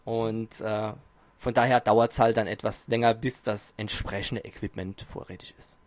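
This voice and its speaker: Speaking from a small home studio, a podcast host chats in a jokey, self-mocking way with a lowish voice, flat delivery and moderate pace. There's no room sound, but he drifts closer to and farther from his home mic at times.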